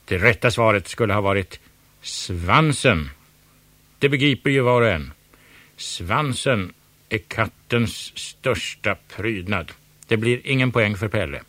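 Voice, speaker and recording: A man's voice: lowish voice, lively intonation, dry recording, voice pushed up. Man doing Måns, a pompous bossy cat quizmaster. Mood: angry. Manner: loud showy announcing, snapping when crossed.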